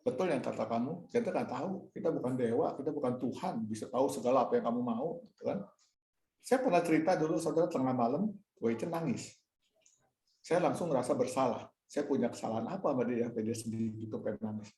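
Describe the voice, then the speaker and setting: A man talks to a church fellowship in a relaxed, preaching way. He tells a personal story and acts out each line of the dialogue himself. His voice carries some room echo. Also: medium pitch, fast, slight background noise. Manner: addresses listeners as "Saudara". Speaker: speaker at a church fellowship meeting. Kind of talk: casual sermon-like talk answering questions.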